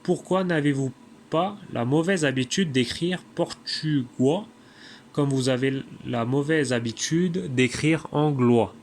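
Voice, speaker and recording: A man reading a classic text aloud in a measured way, now and then stumbling and correcting himself. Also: a little high, slight background noise. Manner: measured, with occasional slips and self-corrections. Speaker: reader.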